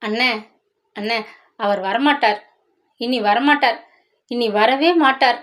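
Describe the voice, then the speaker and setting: A heartbroken young wife from a storybook, as a woman voices her speaks with sorrow and quiet resolve. Her voice sits a little high. She sounds wounded yet steady. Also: slow pace. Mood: sorrowful.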